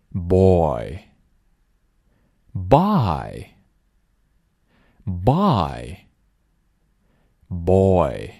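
A man teaching English pronunciation in a recorded lesson, saying each word slowly and repeating it twice between explanations. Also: low voice, darkish tone, dry recording, clean studio sound. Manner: switches between explaining and drilling words aloud.

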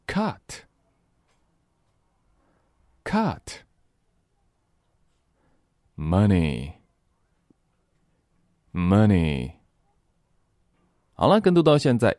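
A man's voice: low voice, a little mellow, no echo, studio quality. A man teaching English pronunciation. He runs repeat-after-me drills, switching between Mandarin explanation and English word models, with playful, vivid comparisons.

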